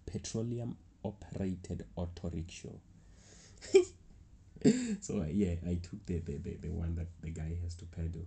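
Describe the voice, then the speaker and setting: Low and warm, with fairly even intonation and a slightly slow pace, the voice belongs to a young South African travel vlogger. He casually rambles through a travel story in his South African accent, chuckling and starting over often.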